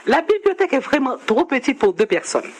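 A man acting a very high-voiced fussy old grandmother. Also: big pitch swings, a little fast, exaggerated voice. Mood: conciliatory. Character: fussy, hesitant elderly grandmother of a household. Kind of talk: radio serial drama acting.

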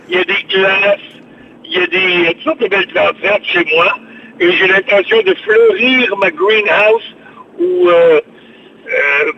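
A chatty older man with a Québécois accent and a high voice, speaking over a dull, muffled phone line. Faint hiss sits behind him, and he rambles on, often repeating his words. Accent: Québécois French. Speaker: radio show host on the phone. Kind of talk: casual radio chat.

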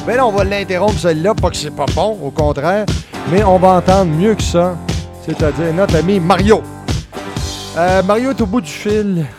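A man with a Québécois French accent hosting a radio show, playful and quick to laugh. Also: sits high. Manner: lively and playful, laughs easily. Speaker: radio host. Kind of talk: casual radio chat. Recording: music playing behind.

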